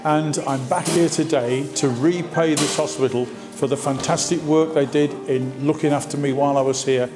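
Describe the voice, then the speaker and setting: A man's voice: fairly high pitch, steady tone, normal speed, hardly any pauses. An older man giving an emphatic personal account to camera. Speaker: interviewee, town crier. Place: indoors in a hospital corridor. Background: music.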